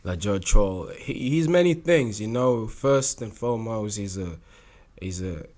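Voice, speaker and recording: A young man from South Sudan who speaks with an Australian accent, his voice sitting a little low. He answers in a relaxed, hesitant way, full of "like" and "you know." The tone is casual, a guest sharing his own story. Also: measured pace. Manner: relaxed, hesitant, many fillers. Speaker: guest actor. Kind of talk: casual interview.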